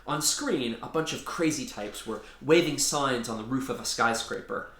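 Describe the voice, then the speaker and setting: In a room with noticeable echo, a man reads his own children's story at normal speed, his medium-pitched voice slightly bright. His style is informal, starting with a relaxed intro and moving into a lively reading.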